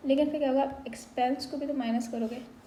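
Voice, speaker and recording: A woman teaches basic accounting, going term by term and slipping into English phrases as she explains. Her voice sits a little high and sounds mellow. It carries a roomy echo over a faint hum of ambience. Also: steady tone, fairly quick. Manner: explanatory, slips between Hindi and English. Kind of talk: explaining accounting terms in a lesson.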